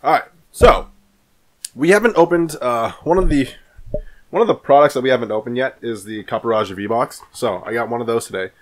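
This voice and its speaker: A man's voice: mid-range voice, brisk. A man in his thirties hosting a card collecting vlog, chatting casually with many fillers and restarts, in a small room at home on a studio microphone. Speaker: card collecting channel host. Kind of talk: casual vlog and pack opening. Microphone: studio microphone on arm in front of him.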